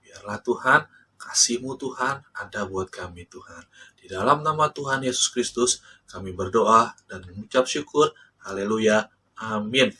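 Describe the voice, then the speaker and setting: A man's voice: on the low side, a little slow, pushed and bright, distant mic, a little hiss or hum. A man hosting a children's church service, greeting the kids cheerfully and leading them in prayer. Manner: cheerful, upbeat calls to children.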